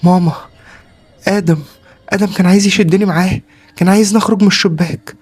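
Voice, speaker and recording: A man's voice: mid-range voice, steady tone, fast talker, a little mellow, voice pushed up, lightly acted. A man putting on a scared little boy, Egyptian. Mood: terrified. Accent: Egyptian Arabic. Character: frightened little boy haunted by an unseen friend.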